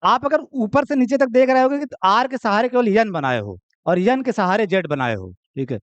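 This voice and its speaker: A man's voice: high voice, animated, normal speed, no echo, highs cut off. A young man teaching university maths in Hindi in a chatty lecture style, with joking asides, who keeps asking "theek hai?". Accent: Hindi, Uttar Pradesh. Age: young adult. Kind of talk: classroom lecture.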